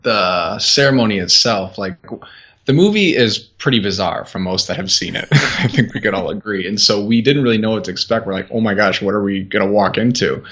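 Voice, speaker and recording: A man with a lowish, slightly bright voice talks fairly quickly as a podcast guest, a groom casually recalling his wedding and sprinkling his chat with "like." The recording is dull and lo-fi.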